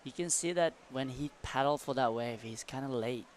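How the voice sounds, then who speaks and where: A man's voice: medium pitch, normal speed, a little hiss or hum. A man co-commentating a surf contest casually, with laid-back, informal surfer talk.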